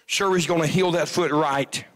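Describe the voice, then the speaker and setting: A man preaching at a revival, fervent and often shouting, with a stutter and sudden quieter passages. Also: a little high, steady tone, normal speed.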